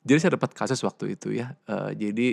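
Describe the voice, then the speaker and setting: A man's voice: fairly low pitch, fast talker, creaky, no room sound. A man, a psychologist guest, telling client stories in casual conversation and animatedly acting out the voices of the people in them. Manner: animated, acts out quoted voices.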